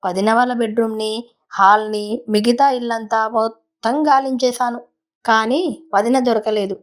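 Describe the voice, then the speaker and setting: Woman telling a story casually. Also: fairly high pitch. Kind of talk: casual first-person storytelling.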